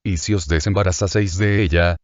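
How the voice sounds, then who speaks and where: A man's voice: sits low, fairly even intonation, a little fast, no echo, dull audio, natural voice. A man reading as a terse, reserved traveler. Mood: restrained. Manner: terse, restrained, feigning indifference.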